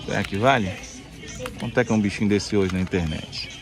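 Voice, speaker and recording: This man has a fairly low voice and speaks a little quickly over music, filming a casual bargain-hunting vlog on a handheld phone. He's a game hunter chatting in slangy fashion to viewers at an outdoor street flea market, with the noisy crowd audible behind him.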